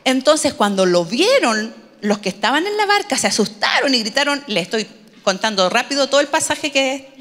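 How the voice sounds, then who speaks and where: A woman's voice: high voice, very animated, moderate pace, a bit bright, big-room sound. A woman pastor, preaching a sermon in a conversational storytelling manner with humorous asides.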